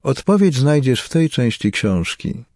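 A man narrating a religious book in a measured, even, scripted reading. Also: mid-range voice, dry recording, clean studio sound. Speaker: audiobook narrator.

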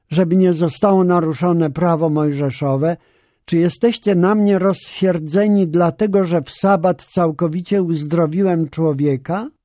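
A man reading the words of Jesus as a calm teacher speaking with authority, in a measured, solemn scripture reading. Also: sits high, no echo, studio quality.

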